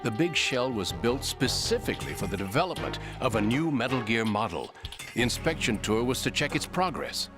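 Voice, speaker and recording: A man playing a composed, serious informant in a video game, explaining secrets in a measured, matter-of-fact way. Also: mid-range voice, very animated, over music, close to an everyday voice. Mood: grave, revealing. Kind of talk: dramatic video game exposition.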